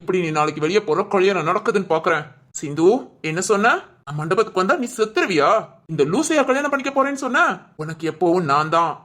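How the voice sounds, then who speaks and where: A woman's voice: fairly low pitch, lively intonation, fast, a bit bright. A woman voicing an angry, threatening young man who scolds and sneers in a cartoon. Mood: menacing. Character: angry bullying young man, hot-tempered rival. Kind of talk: cartoon voice acting.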